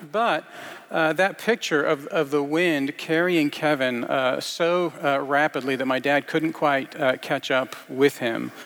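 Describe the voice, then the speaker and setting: Gravelly man preaching in a reverberant hall. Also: mid-range voice, fairly bright tone. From grew up partly in Iceland. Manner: halting, many fillers and restarts. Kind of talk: scripture reading and sermon.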